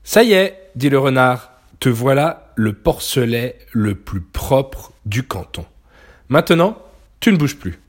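A man's voice: mid-range voice, very animated, slow pace. A man doing a bossy, greedy fox.

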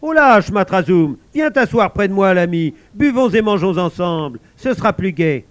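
A man's voice: sits high, expressive, normal speed, no room sound, voice pushed up. Man doing a hearty bold soldier. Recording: dull lo-fi dry recording.

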